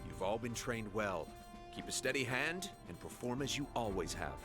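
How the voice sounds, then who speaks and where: Male actor for game spaceship officer, authoritative, lively intonation, music behind. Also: lowish voice, normal speed, natural voice. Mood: steady, encouraging. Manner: authoritative, giving orders. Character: commanding officer of a spaceship launch crew. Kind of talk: English video game voice acting.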